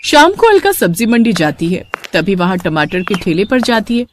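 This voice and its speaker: Woman narrator, steady scripted storytelling, medium pitch. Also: moderate pace, a little hiss or hum.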